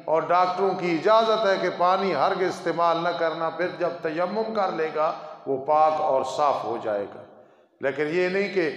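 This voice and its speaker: A man, an Islamic cleric reading out questions and firmly ruling on each, quoting Arabic phrases and hadith sources. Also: sits high. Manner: firm, didactic, reads questions aloud then rules on them. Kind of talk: religious question-and-answer session. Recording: echoey, reverberant hall, dull lo-fi sound.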